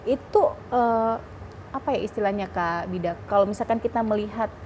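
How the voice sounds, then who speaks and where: A woman's voice: medium pitch, normal speed, darkish tone, a little hiss or hum. A woman hosting a television talk show, interviewing guests in a chatty way, laughing often and asking long questions full of fillers. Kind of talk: studio interview.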